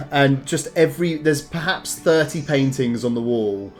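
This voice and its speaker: A man narrating a tabletop game as game master, in a halting way full of fillers and restarts. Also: medium pitch, faint music behind.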